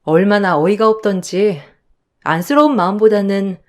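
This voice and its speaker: Soft-spoken woman narrating a story. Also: mid-range voice, normal speed.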